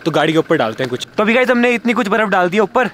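A young man vlogging casually, chatty and excitable, talking straight to his viewers. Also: sits high, rapid-fire. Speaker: travel vlogger. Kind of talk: casual vlog narration.

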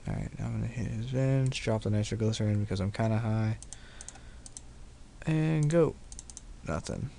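A young man with a slightly low, gravelly voice talks through his own gameplay in a loose, profane, laughing way. He sounds like he is speaking into a desktop mic at his computer. Faint hiss and the click of keys sit under his voice. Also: flat delivery, quick pace, few pauses, mellow. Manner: profane, laid-back, laughing often. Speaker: gaming video host. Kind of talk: casual gameplay commentary.

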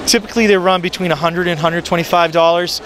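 A man in his forties giving an upbeat sales pitch for his product on a handheld mic, with frequent ums, in a busy expo hall. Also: steady tone, fast talker, fairly bright tone. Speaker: photo booth maker. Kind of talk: trade show product pitch. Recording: noisy trade show floor.

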